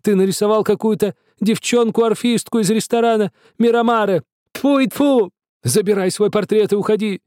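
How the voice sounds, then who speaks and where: Guy putting on a shrill old cobbler, high squeaky whiny angry yelling. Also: normal speed, no echo, clean studio sound, lightly acted. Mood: indignant. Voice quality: shrill, piercing. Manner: wailing, spiteful complaints.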